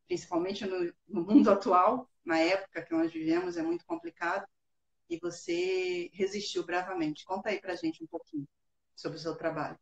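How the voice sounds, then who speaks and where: A woman's voice: fairly low pitch, expressive, moderate pace, dull audio. Brazilian woman host in an echoey room. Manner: friendly, frequent tag questions. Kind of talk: interview hosting.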